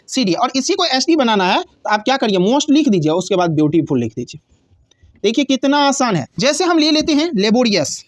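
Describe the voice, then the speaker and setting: A woman teaching a grammar lesson, who asks questions and answers them herself and repeats key words slowly. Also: on the high side, no echo.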